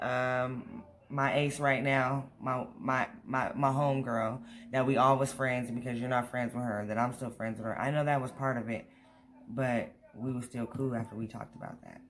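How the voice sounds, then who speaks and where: Rambling American man with middling pitch. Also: a bit bright. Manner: rambling, venting, repeats questions to viewers. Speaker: vlogger. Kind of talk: casual storytime chat to viewers. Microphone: camera on a tripod.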